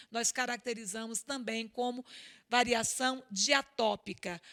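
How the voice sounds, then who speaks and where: A woman's voice: on the high side, sharp tone. A middle-aged woman teacher with a Maranhão accent, giving a lecture and often checking in with her students. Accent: Maranhão Brazilian Portuguese. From Maranhão, Brazil. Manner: explanatory, checks in with "tá?" and "certo?". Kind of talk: classroom lecture.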